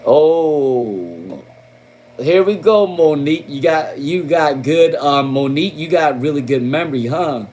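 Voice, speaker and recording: A slightly high, expressive voice with a darkish tone speaks a bit slowly as this Long Island tarot reader does a casual live-stream session. Conversational and full of "um," he repeats names and questions and finishes points with "okay?" and "all right?"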